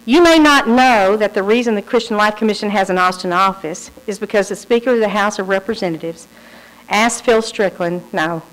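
A woman's voice: mid-range voice, fairly quick, rough recording. Woman telling stories in a lecture. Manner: lively storyteller acting out quoted people. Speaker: speaker. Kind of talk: lecture with storytelling.

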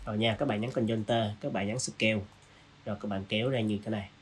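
A man hosting a design software tutorial, casually walking through each step with lots of fillers. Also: lowish voice, fairly even intonation, fast, slight background noise. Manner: casual, walks through steps with many fillers. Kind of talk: screen-recorded software tutorial.

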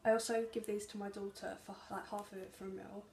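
A woman's voice: medium pitch, flat delivery, quick pace, creaky, darkish tone. A young woman chatting through a grocery haul vlog in a small home kitchen, reading out labels and calorie counts to a camera at arm's length. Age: young adult. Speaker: vlogger. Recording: echoey kitchen with background noise.

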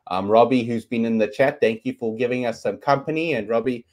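This South African man in his thirties, whose first language is Afrikaans, hosts a laid-back sports talk podcast from his bedroom over a webcam video call. His mid-range voice is slightly fast and darkish in tone, and he rambles chattily with lots of ums.

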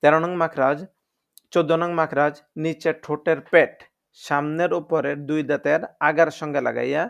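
Male teacher, gravelly and a little high, patient tutorial drilling letter sounds one by one. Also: fairly even intonation, normal speed, fairly bright tone. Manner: patient, explanatory, addresses viewers as friends. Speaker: Quran recitation teacher. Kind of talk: step-by-step pronunciation lesson.

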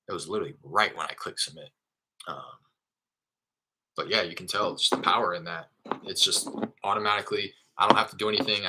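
A man's voice: low-pitched, noisy background. A man casually explaining his cold-calling routine in a live tutorial, loose and chatty with the odd curse. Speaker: real estate wholesaler teaching cold calling. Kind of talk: live screen-share tutorial.

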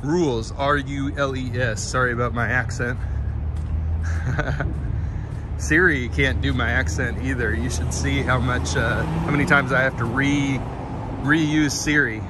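A man's voice: medium pitch, fairly even intonation, a little slow, long pauses. Southern man streaming from a noisy street. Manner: friendly, greets chat viewers by name, chuckles. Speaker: live-stream walking host. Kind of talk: casual live-stream chat while walking. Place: outdoors on a city street. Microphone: phone carried while walking. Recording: loud street noise and traffic.

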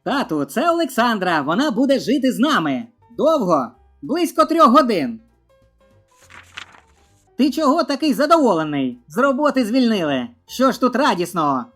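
Female joke reader with a high, animated voice and soft background music; she deepens her voice for the men in each joke. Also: normal speed. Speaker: joke narrator. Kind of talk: reading a string of short jokes.

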